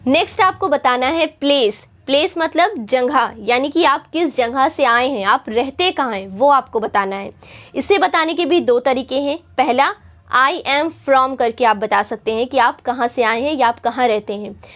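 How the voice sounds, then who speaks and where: A woman from India with a high voice teaches a spoken English lesson. She is patient and repeats her points for students. She draws out her English example phrases slowly and carefully. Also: lively intonation, a bit bright.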